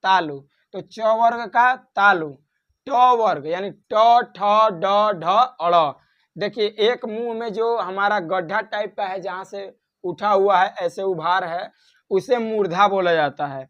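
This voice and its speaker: A male grammar tutor with a high, fairly bright voice speaks slowly in a classroom style. He drills students by posing questions and answering them himself, and chants series of letters in rhythm. The recording sounds dull and lo-fi.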